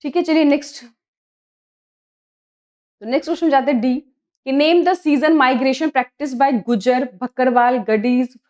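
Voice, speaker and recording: Woman, teacher, Hindi accent, fairly high voice, slow read-aloud questions, exam-prep explanations. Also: fairly even intonation, a little mellow. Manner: reads English questions slowly, then explains in Hindi.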